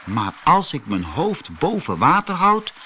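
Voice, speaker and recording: A man doing a squeaky little otter cub in a storybook. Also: wildly swooping pitch, unhurried, sharp tone, a little hiss or hum, heavily acted. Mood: hopeful. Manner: high, pleading cries. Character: small frightened young male otter cub.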